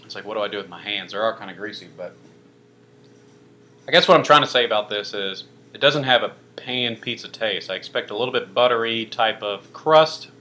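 A man's voice: lowish voice, a little fast, pushed and bright. A young man casually reviewing a pizza on camera, rambling with lots of fillers and dry self-mocking asides. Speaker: food reviewer. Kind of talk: casual food review vlog.

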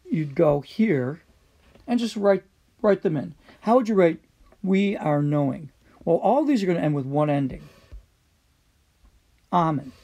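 A male teacher walks students through a recorded lesson, pausing with plenty of uh and um. His voice is fairly high for a man yet gravelly and husky, with a mellow, dark tone. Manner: patient, quizzing students, fillers like uh and um. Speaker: Greek teacher.

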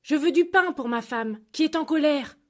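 Woman doing a poor meek old fisherman, gentle storybook voice, higher than the narration. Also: moderate pace, natural voice.

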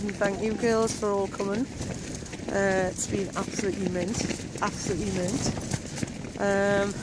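A woman talking slowly and rambling to a camera from inside her tent at night. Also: medium pitch. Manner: slow, rambling, with many ums and repeats. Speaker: organiser of a women's wild camping meet. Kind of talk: casual vlog to camera. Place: small tent on a windy hilltop at night. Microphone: camera close overhead in the tent. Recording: loud wind noise over the voice. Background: strong wind noise.

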